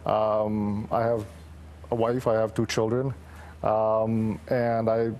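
A man in his forties from Romania, a guest on a morning TV show, speaking earnestly with frequent pauses. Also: fairly low pitch, dull audio. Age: 40s. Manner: steady, earnest, many pauses with um. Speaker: guest, former patient. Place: TV studio set.

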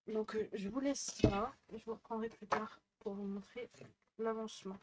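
Sitting at her bedroom desk and wearing a headset mic, a thirty-something woman rambles through a casual, chatty vlog with many fillers and false starts. She speaks at a normal speed in a mid-range, fairly even voice over heavy background noise.

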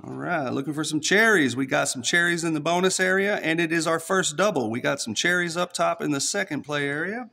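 Man, East Texas accent, slightly raised pitch, chatty play-by-play vlogger talking to followers. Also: fairly quick, vocal fry, few pauses, bright, forceful tone. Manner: chatty, talks straight to followers. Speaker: streamer scratching lottery tickets. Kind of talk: casual play-by-play vlog.

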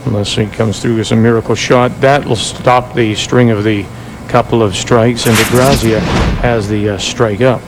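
A man's voice: lowish voice, fairly even intonation, moderate pace. A man doing play-by-play commentary for televised bowling, conversational and full of asides. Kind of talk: sports commentary. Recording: TV broadcast with crowd and noise.

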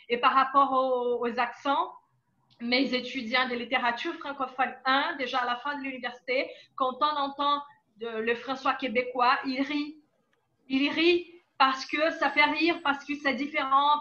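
A woman's voice: high-pitched, pushed and bright. A woman professor talking earnestly on a video call panel about teaching. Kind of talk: video call round-table talk. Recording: dull lo-fi video call audio.

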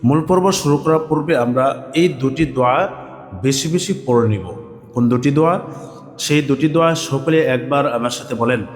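A male Quran teacher drilling Arabic letters and vowel marks in a slow call-and-response lesson, asking questions and answering them himself. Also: mid-range voice, echoey room, in a large hall, soft background music. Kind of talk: online Quran alphabet lesson.

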